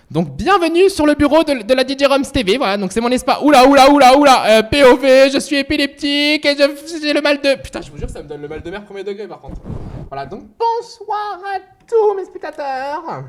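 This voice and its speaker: A man in his twenties chatting casually on a livestream, excitable and playful, swearing often and breaking into outbursts. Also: extremely high pitch, fast. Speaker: streamer.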